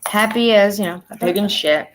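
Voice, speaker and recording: A woman's voice: medium pitch, normal speed, background noise. A woman giving an emotional personal update, talking bluntly and with swearing, repeating herself for emphasis. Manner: blunt and profane, venting frustration. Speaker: vlogger.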